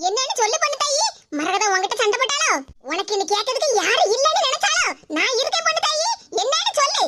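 A woman's voice: very high-pitched, animated, noisy background. A woman voicing a nosy, insistent middle-aged village woman with a Tirunelveli Tamil accent. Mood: coaxing. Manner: coaxing, insistent, quick questions.

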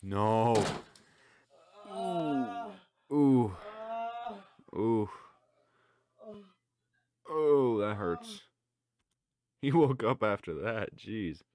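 Young man, deep voice, animated intonation, casual reaction commentary, exclamatory. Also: extremely slow, long pauses, crowd noise. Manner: loose running commentary with exclamations. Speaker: reaction video creator.

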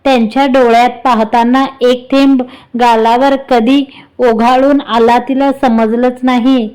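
A woman reading a story aloud as narrator, measured and steady. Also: fairly high pitch, smooth, poor audio. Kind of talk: scripted narration.

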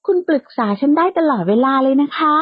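Voicing a daring, playful young woman with a teasing streak, this woman talks quickly in a high, animated voice. The character comes across bright, outspoken and teasing, and the recording is dry, echo-free and lightly lo-fi.

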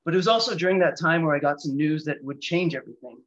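Speaking fast in a slightly bright, higher voice, this Canadian man in his thirties presents a seminar as a guest speaker and patient advocate. He's from near Toronto and talks openly and reflectively in a conversational style, calling in by video from a small room with dull, low-fidelity sound.

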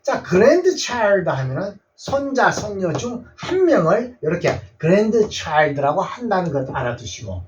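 Male teacher, slow-paced lesson, patient repetition, lo-fi recording, distant mic. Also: high-pitched, sing-song, slight background noise. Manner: patient, repeats words, checks in with "right?". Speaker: English teacher for seniors. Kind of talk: blackboard language lesson. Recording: distant, dull lo-fi sound.

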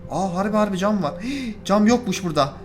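Gaming YouTuber, male, a bit high-pitched, excitable and easily exasperated, chatting straight to viewers. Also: a little fast, soft background music. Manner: excitable, exasperated, swinging from calm to shouting; addresses viewers directly. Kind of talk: casual let's-play commentary.

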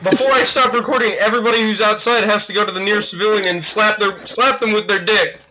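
A man's voice: sits high, fairly even intonation, fast, bright, forceful tone, lo-fi sound, a little hiss or hum. A young American man hosting a casual group voice chat, joking crudely and laughing hard. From United States. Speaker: host recording the podcast.

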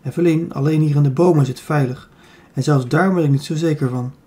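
A man voicing a cool-headed, teasing young woman in an audiobook, speaking softly and dryly. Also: fairly high pitch, fast talker, close to an everyday voice. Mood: teasing, firm.

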